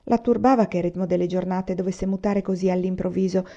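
A woman reading a novel aloud, gently voicing the characters with small lifts in pitch. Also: fairly even intonation, quick pace. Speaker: audiobook reader. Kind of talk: read-aloud novel narration. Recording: dull lo-fi recording.

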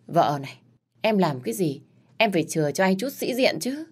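A woman voicing a busy boss husband who speaks softly and pleads with his wife. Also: mid-range voice, sing-song, normal speed, breathy edge, pitched above the performer's own voice. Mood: pleading. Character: hardworking husband, a boss, gentle and yielding.

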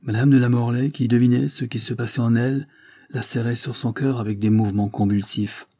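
A man narrating a classic novel as an audiobook, measured and even. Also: medium pitch.

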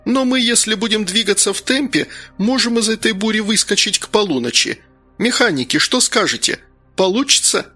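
Man voicing a brisk female commander. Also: high-pitched, expressive, pushed and bright, husky, faint music behind, pitched above the performer's own voice, full character voice. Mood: commanding. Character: stern female guard commander.

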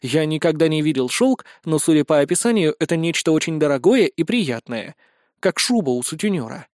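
A man narrating a first-person comic fantasy audiobook in an earnest, naive, even tone. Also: fairly high pitch, brisk, no room sound. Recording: dry close studio voice.

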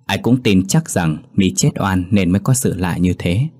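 A man, narrating a scripted horror story in a steady, measured, grave manner. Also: low voice, slightly rough.

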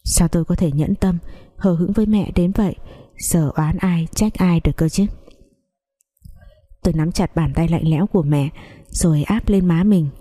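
Woman narrator, low and mellow, somber emotional storytelling. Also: normal speed, pauses often. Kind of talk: first-person story narration.

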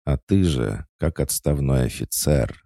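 A man's voice: very deep voice, animated, unhurried, gravelly, warm tone, no echo, studio quality, pitched above the performer's own voice, exaggerated voice. A man voicing a cheeky, sarcastic young witch in an audiobook, teasing and mocking. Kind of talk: audiobook character voice.

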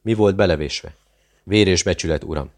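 A man reading a thriller audiobook aloud, narrating and voicing the dialogue in a steady, measured way. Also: sits low.

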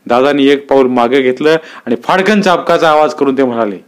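A man reading a literary story aloud with steady, vivid narration. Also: mid-range voice, brisk, smooth.

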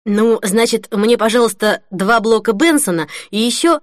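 A woman's voice: on the high side, normal speed, no room sound, studio quality, lightly acted. A woman voicing a polite, sheepish male customer in a shop. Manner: polite, apologetic.

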